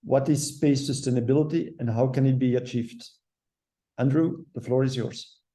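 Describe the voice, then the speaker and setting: A man hosting a webinar, giving a formal introduction in halting, measured phrases. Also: medium pitch, warm tone. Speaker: webinar host.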